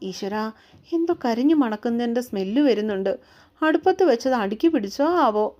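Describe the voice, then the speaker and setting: A woman's voice: on the high side, lively intonation, brisk, mellow, highs cut off, close to an everyday voice. A woman voicing an anxious older servant woman in a storybook reading, muttering and fussing. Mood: worried. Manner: worried muttering.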